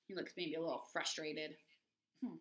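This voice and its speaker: A woman teacher reading a picture book aloud to children, expressive and playful, chatting about the story as she goes. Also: low-pitched, moderate pace, slight background noise. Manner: expressive and playful, comments to kids. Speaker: elementary school teacher. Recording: roomy echo.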